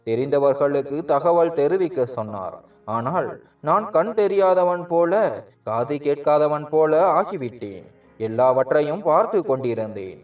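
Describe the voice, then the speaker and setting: A man narrating a first-person dramatic story in an emotional, measured way. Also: a little high, expressive. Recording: distant mic with soft background music.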